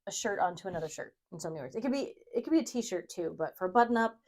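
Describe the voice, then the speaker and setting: A woman's voice: on the low side, expressive, racing. A woman hosting a crafting video, chatting casually and rambling in a self-deprecating, giggly way as she works. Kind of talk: casual brainstorming chat while sewing.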